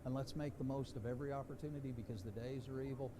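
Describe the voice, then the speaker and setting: A man's voice: mid-range voice, steady tone, fast, background noise. A man preaching a sermon in a church, folksy and conversational, building to emphatic questions. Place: church sanctuary.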